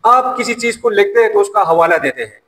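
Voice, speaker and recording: A brisk man with a high, slightly bright voice teaches a safety class as a classroom lecture, answering the questions he poses as he explains. Originally from the Pashto-speaking region of Pakistan, he speaks Pashto as his first language.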